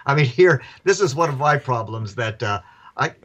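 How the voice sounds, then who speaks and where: A man, an author and professor, telling stories as a radio interview guest in a lively, chuckling way. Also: mid-range voice, moderate pace.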